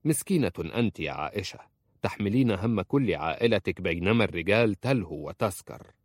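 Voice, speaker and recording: A man doing a stern, harsh husband with a deep voice. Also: lively intonation, a little fast, no echo, studio quality. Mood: cold. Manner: cold, commanding.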